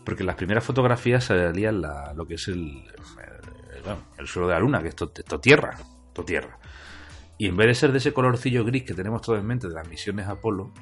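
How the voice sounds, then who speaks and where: Low, raspy man from Spain. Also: animated, brisk, faint music behind. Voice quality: raspy, smoker-like rasp. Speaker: podcast co-host. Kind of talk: casual humorous chat.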